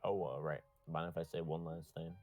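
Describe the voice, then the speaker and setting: A man voicing a gruff, kindly middle-aged father in a visual novel, talking in a plain, halting way. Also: little pitch movement, darkish tone, soft background music. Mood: gruff, fond. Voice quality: deep, gravelly. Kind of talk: amateur visual novel voice acting.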